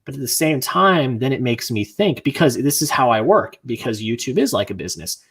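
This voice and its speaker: A man hosting a livestream, chatting casually in an earnest, rambling way that grows animated when he is frustrated. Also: mid-range voice, fairly quick, husky. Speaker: livestream host.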